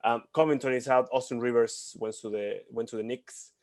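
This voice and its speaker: A young Argentine man co-hosts a basketball podcast over a video call from a room at home, chatting casually and animatedly and repeating points for emphasis. His mid-range, darkish voice has fairly even intonation at normal speed, recorded on a headset with studio quality and no room sound.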